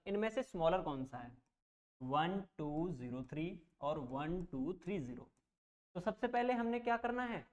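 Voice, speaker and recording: A man teaches an online math class in a patient, reassuring way. He walks through each step slowly, repeating numbers aloud and checking that the students understand. His explanations stay plain and simple. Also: sits high, darkish tone, highs cut off. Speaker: coaching teacher.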